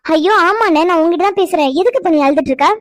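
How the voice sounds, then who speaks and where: A woman's voice: very high-pitched, quick pace, no room sound. A woman voicing a grown sister in a cartoon, who scolds and teases her brothers with affection. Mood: scolding. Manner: scolding, teasing. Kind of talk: cartoon voice acting.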